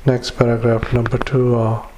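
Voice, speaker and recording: Male clinician, dictaphone dictation, monotone, halting with fillers, reads punctuation aloud. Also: mid-range voice, noisy background. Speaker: psychiatric clinician.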